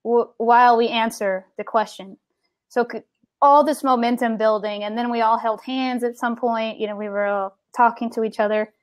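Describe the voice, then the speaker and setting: A woman's voice: a little high, normal speed, clear, resonant tone, no room sound. A woman guest telling a personal story in a casual interview, acting out the voices of the people in it. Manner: animated, acts out the people in her story.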